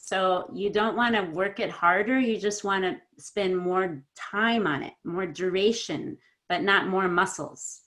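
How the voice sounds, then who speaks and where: A woman coaching pronunciation in an online lesson, correcting students and modelling sounds slowly and encouragingly. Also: medium pitch, fairly bright tone. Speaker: accent coach.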